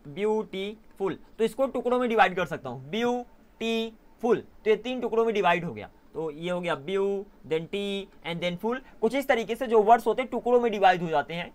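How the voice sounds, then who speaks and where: A young man teaching an online English class in a casual way, often pausing to correct himself. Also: sits high, animated. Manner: casual, self-correcting, mixes Hindi and English.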